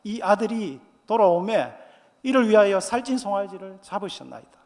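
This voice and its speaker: A man's voice: sits high, sing-song, moderate pace, a little mellow, big-room sound, voice pushed up. A man preaching a sermon, voicing a resentful adult elder son who reproaches his father. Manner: aggrieved, reproachful.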